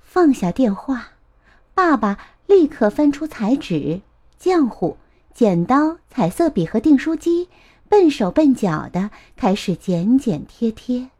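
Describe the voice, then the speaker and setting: A woman narrating a children's storybook in a gentle, expressive way. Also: fairly high pitch, slow pace.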